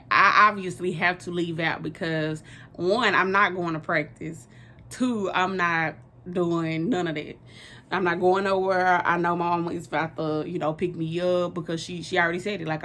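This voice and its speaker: A woman's voice: lowish voice, fairly even intonation, moderate pace, sharp tone. A young woman, telling a personal story in a rambling, casual way with lots of fillers.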